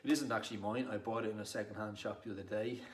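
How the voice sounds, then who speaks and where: This poet and performer from Dublin speaks at a racing pace, his voice on the low side with fairly even intonation and a Dublin accent. It's a casual, self-deprecating, rambling introduction to camera, recorded with a roomy echo and clear background noise.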